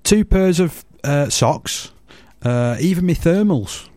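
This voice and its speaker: A man co-hosts a casual sports chat, lively and teasing. His voice sits a little high for a man. The recording is dry and close. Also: slow, dry recording. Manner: animated, teasing. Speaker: podcast co-host.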